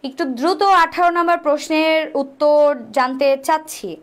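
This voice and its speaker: A woman tutor leading a live online exam-prep class, repeating each question and answer several times and slowly sounding out letters to demonstrate. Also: sits high, fairly even intonation. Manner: urges viewers to answer quickly. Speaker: admission test tutor.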